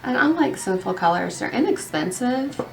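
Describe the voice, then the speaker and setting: A woman's voice: fairly high pitch, big pitch swings, normal speed, creaky, soft background music. A young woman chatting casually as a beauty vlogger while painting her nails, rambling along with lots of fillers.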